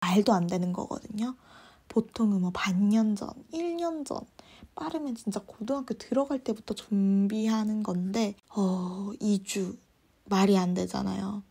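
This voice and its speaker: A woman's voice: medium pitch, moderate pace, gravelly, warm tone, slightly rough. A young woman in her twenties telling a personal story in a chatty vlog, acting out the lines she quotes. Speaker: vlogger.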